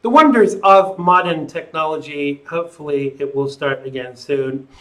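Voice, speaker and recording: A man's voice: on the high side, normal speed, a bit bright, poor audio. A man hosting a live call-in show, talking in an opinionated, sardonic and conversational way.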